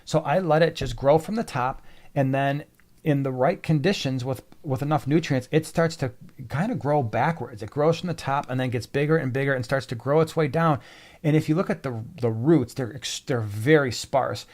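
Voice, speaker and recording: A man's voice: mid-range voice, normal speed, a little mellow. A man co-hosting a casual live stream, chatty and joking while he answers viewer questions.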